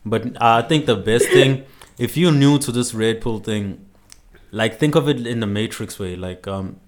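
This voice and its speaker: A man's voice: mid-range voice, moderate pace. A man on a podcast panel, explaining things in a casual, conversational way.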